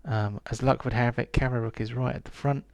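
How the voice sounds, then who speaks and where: Brief: male game master narrating a tabletop game, mid-pitched and halting, recorded dry. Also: steady tone, vocal fry, dry recording. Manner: halting, many fillers.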